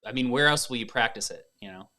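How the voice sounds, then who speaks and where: A man's voice: medium pitch, fast talker, sharp tone. A man co-hosting a trivia stream, chiming in with wry, playful quips. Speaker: trivia co-host. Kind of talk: casual banter.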